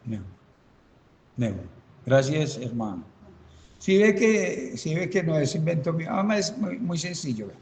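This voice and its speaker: A man's voice: a little high, very animated, unhurried, long pauses, darkish tone, slight background noise. Man teaching in an echoey hall. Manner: conversational, explains patiently, talks to named listeners. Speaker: pastor. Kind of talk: Bible study teaching. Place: church hall.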